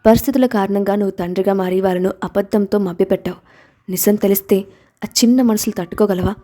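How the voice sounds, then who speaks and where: Woman reading as a proud, possessive husband in an audio story; intense, domineering delivery in a mellow, darker tone. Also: medium pitch, steady tone, fast talker, natural voice. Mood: persuasive. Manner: intense, pleading then domineering.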